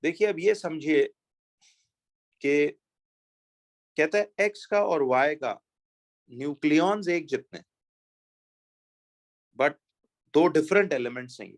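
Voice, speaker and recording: Man, chemistry teacher, fairly high voice, slow careful question reading, step-by-step explaining. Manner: explains step by step, reads question slowly, asks pupils rhetorical questions. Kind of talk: exam question walkthrough lesson.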